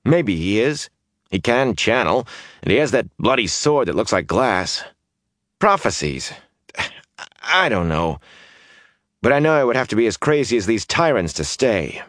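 A man's voice: fairly low pitch, very animated, a little slow, long pauses, a bit bright, dry recording, clean studio sound, pitched above the performer's own voice. A man voicing a restless, bitter young gambler who complains and grows agitated. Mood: frustrated.

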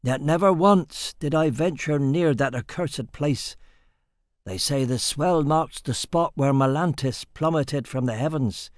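A man voicing a superstitious old male sailor who tells dark tales in a hushed, foreboding way. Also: fairly high pitch, measured pace, dry recording, clean studio sound, voice pushed up, lightly acted. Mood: ominous. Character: old male sea dog, superstitious and ominous.

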